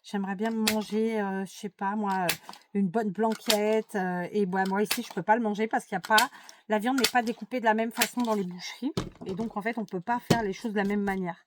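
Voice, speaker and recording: A middle-aged woman from France talks straight to her viewers in a loose, rambling way, with lots of fillers and blunt asides. Her voice sits at an ordinary middle pitch. A steady hiss of noise runs under the home recording. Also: fairly quick. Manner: chatty, opinionated, frequent fillers and asides. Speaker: YouTube vlogger. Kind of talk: casual chat to camera while doing a craft task.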